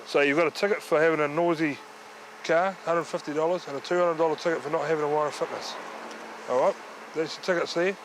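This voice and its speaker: Male police officer, New Zealand accent, quick and matter-of-fact, slightly high pitch, noisy outdoor location. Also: fairly even intonation. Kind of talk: explaining and instructing on the job. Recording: outdoor location sound, vehicle noise.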